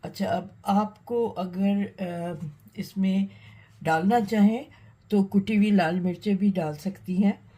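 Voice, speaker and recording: A woman hosting a cooking demonstration, talking unhurriedly while she cooks, with many pauses and fillers. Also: mid-range voice, fairly even intonation, warm tone, rough recording. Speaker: cooking channel host.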